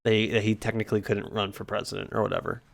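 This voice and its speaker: A man's voice: fairly low pitch, level tone, fast talker, creaky. A man hosting a stream, chatting casually with plenty of fillers and false starts as he reacts to old debates. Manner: rambling, lots of fillers and restarts. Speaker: streamer host.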